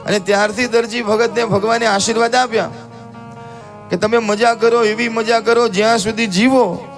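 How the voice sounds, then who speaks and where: A man telling a devotional story as a sermon, lively and theatrical, speaking directly to the audience. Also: sits high, moderate pace. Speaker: religious storyteller. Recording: live talk with music behind.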